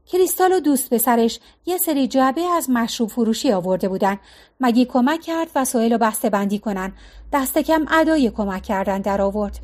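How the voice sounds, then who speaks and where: High-voiced woman narrating a story. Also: expressive, a little mellow. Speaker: audiobook narrator. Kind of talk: scripted narration.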